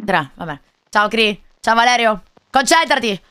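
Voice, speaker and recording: A woman in her late twenties with a Sicilian accent, chatting with viewers during live game commentary in an excitable, repetitive manner. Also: on the high side, a little slow. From Sicily, Italy. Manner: excitable, repetitive, mild swearing. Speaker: live streamer. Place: indoor gaming room. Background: game music with drums.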